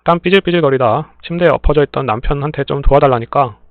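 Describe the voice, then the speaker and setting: A man reading listener stories aloud in a plain, steady way, adding brief dry remarks between them. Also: medium pitch, quick pace, no room sound. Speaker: story reader and channel host. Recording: tinny phone-like dry sound.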